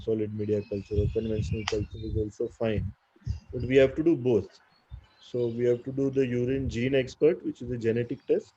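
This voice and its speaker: A man's voice: mid-range voice, dark tone, muffled recording, slight background noise. A man with an Indian English accent, a doctor teaching postgraduates in an online clinical lecture, explaining step by step with many "uh"s and "right?" tags. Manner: explanatory, with frequent "uh" and tag "right?".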